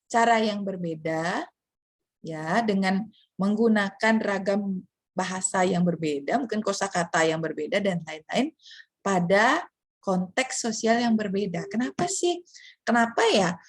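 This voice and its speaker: A woman's voice: medium pitch, dry recording, clean studio sound. A woman giving a casual lecture, chatty, asking rhetorical questions and acting out short examples.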